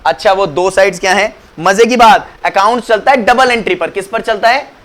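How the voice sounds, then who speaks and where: A man's voice: sits high, moderate pace, fairly bright tone. A man teaching accounts in a chatty classroom lecture, asking students questions and answering them himself, often slipping English phrases into his talk. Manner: mixes English phrases into Hindi; calls students "beta" affectionately.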